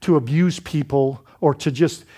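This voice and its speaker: A high-pitched Bahamian pastor preaches a sermon in an unhurried, husky, dark-toned voice. His style is loose and conversational, restarting phrases and checking in with the congregation through rhetorical questions.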